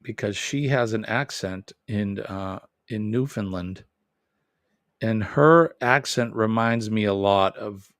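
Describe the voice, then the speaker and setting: His voice is lowish and fairly bright, and he talks slowly in a clean, echo-free studio recording. A Boston-accented man from New England, he chats with live-stream viewers over their comments, wandering off topic, fixing his own words and laughing frequently.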